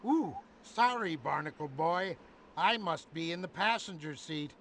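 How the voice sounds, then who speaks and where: A man's voice: a little high, expressive, unhurried, noisy background. An actor playing a muddled, pompous old superhero in a cartoon game, with a theatrical, wavering old-man voice. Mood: cheerful, oblivious. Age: older. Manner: pompous, absent-minded. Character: doddering, muddled old male superhero, grandly dramatic. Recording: loud music behind the voice.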